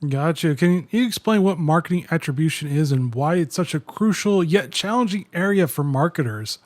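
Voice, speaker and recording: A man's voice: on the high side, animated, normal speed, a little mellow, no room sound. A man hosting a podcast, reading a scripted-sounding intro and asking plain, direct questions. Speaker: podcast host.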